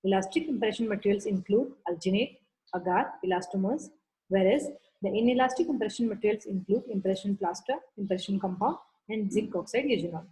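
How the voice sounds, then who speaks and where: A woman's voice: mid-range voice, fairly quick, mellow, low-quality recording. Woman giving a methodical dental lesson. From India. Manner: methodical, listing classifications step by step. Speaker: dental lecturer. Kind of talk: instructional lecture.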